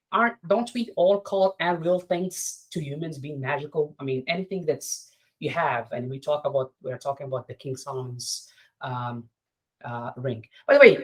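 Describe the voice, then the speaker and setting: A man speaks through a video call and walks his listeners through an old story. His voice is husky and a little breathy. He stops and restarts his sentences often as he talks. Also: fairly high pitch, low-quality recording. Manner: halting storyteller with many restarts. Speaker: lodge presenter. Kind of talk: informal lecture over video call.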